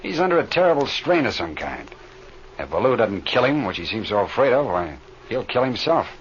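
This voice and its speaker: A man voices a steady, folksy mentor in an old radio drama: a seasoned, plain-spoken flight leader whose mood is serious and troubled. His mid-range, near-everyday voice is sing-song and a little fast, and the recording is muffled and hissy.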